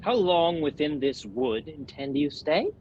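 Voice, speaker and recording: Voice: medium pitch, animated, measured pace, darkish tone, dull audio, a little hiss or hum, natural voice. An actor playing a jealous, imperious fairy king in declamatory Shakespearean stage style. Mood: demanding, vengeful.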